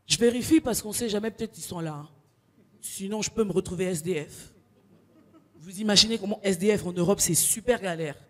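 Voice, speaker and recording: A young woman from Congo doing stand-up comedy, telling stories in slangy animated bits. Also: mid-range voice, brisk, big-room sound. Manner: animated storytelling, street slang.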